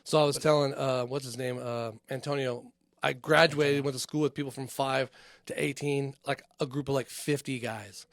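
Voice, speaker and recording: A man's voice: mid-range voice, steady tone, moderate pace, dry recording. A man hosting a comedy podcast, talking in a loose, rambling way and swearing freely. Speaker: podcast host. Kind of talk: casual chat. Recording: dry close studio mic.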